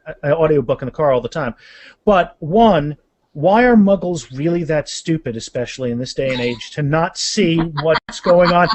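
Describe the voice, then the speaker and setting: A middle-aged author is an interview guest, speaking casually and with animation. He often repeats phrases as he goes. His voice is on the high side, at a moderate pace.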